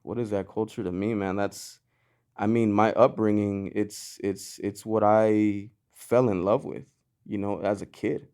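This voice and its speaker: The speaker is a clothing brand founder born in Mexico, appearing as a podcast guest. His voice is fairly low, dark, clear and resonant, steady and a little slow, and his casual chat rambles loosely with plenty of "you know," "like," and false starts.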